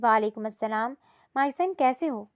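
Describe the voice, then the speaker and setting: A woman's voice: on the high side, clear, resonant tone, lightly acted. A woman voicing a doting, wealthy middle-aged father who speaks fondly and easily in a storybook reading.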